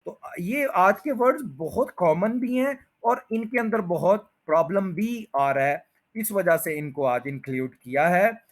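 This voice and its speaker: Male teacher with a slightly high voice who drills word stress by patient, slow repetition. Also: lively intonation. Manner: repeats each word slowly, stretching out stressed syllables; explains patiently and step by step. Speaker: English pronunciation teacher. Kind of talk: spoken lesson.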